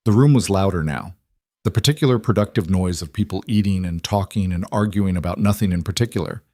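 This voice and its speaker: A man narrates a drama story in a calm, steady way. His voice sits low, and the recording is close and dry, with no room sound. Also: no echo.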